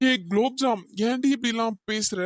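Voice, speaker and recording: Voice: medium pitch, steady tone, a little fast, close to an everyday voice. A performer voicing a persistent young male college student in a cartoon, pleading and apologetic. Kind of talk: cartoon voice acting.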